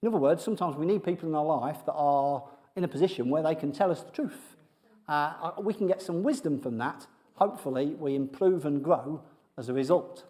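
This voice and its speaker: A man's voice: on the high side, fairly quick, dark tone. Man preaching with self-deprecating humor. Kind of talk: conversational sermon. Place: church sanctuary with congregation.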